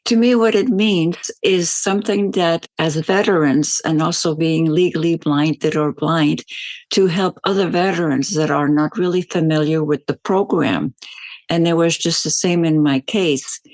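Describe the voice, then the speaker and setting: A woman's voice: deep voice, fairly even intonation, measured pace, darkish tone, no room sound. An older woman from Belgium, a veteran ambassador, answering interview questions in a rambling, storytelling way with many fillers.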